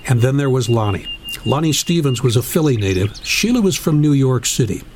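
A man reading a written tribute aloud as narrator, in a measured, solemn storytelling manner. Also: mid-range voice, a little mellow, a little hiss or hum.

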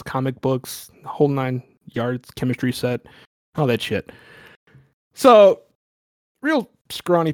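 A man's voice: mid-range voice, no room sound. Brief: casual, swearing male game master setting up a spooky scene, dry sound. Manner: rambling, profane, casual. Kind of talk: narrating a horror tabletop game.

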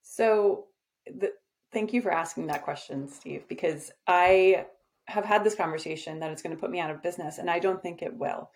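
At a moderate pace, a woman with a lowish, slightly mellow voice describes her business as a guest on a podcast. The exchange is casual, and she stays direct and assured while using "um" a lot.

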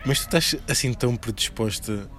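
A man's voice: mid-range voice, a little fast, a bit bright. A young man in casual chat, slangy and dropping in English words. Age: young adult.

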